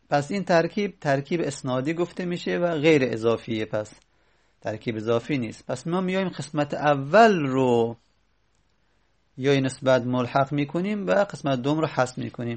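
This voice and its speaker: A male teacher working through a grammar lesson in a plain, mid-pitched voice. He explains patiently and repeats key points. He pauses with fillers as he goes and slows right down on each example.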